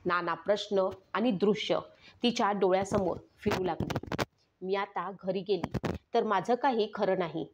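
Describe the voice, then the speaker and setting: A woman reading a true-crime story as a scripted narration, steady and measured, with dramatic pauses. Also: mid-range voice. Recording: slightly dull lo-fi recording.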